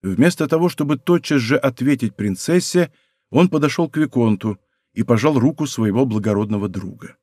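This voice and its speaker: A man narrating a historical novel as an audiobook in a studio, with measured, expressive storytelling. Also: mid-range voice, no room sound. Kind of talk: scripted literary narration. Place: recording studio.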